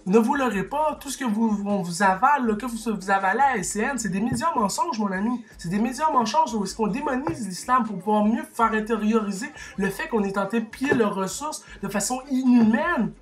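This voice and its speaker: A man's voice: very high voice, lively intonation, fairly quick, few pauses, fairly bright tone. Emphatic Québécois man ranting. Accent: Québécois French. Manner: emphatic, rhetorical, ranting, with frequent restarts and filler. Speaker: vlogger. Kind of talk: impassioned opinion monologue.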